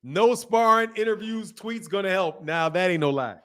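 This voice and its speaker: Speaking slowly, a man in his fifties who hosts a boxing channel reads out and answers live-stream comments in a loose, casual style. He has a fairly high voice for a man, stays animated, repeats himself to stress points and laughs often.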